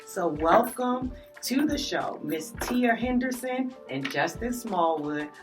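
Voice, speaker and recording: A woman hosting a podcast, greeting her audience and guests in an animated, drawn-out way with playful asides. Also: medium pitch. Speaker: podcast host. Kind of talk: enthusiastic podcast welcome and interview. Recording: distant mic with faint music behind.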